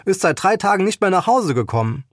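A man's voice: high-pitched, very animated, a little fast, dry recording, studio quality, voice pushed up, full character voice. A man reading aloud and voicing a stubborn, defiant woman who is searching for her lost cat. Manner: defiant, guarded. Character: stubborn young woman, worried cat owner.

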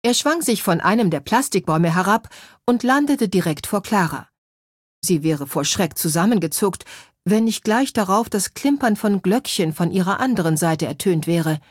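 A woman narrating a children's story in a clear, measured way. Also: mid-range voice, expressive, no room sound, studio quality.

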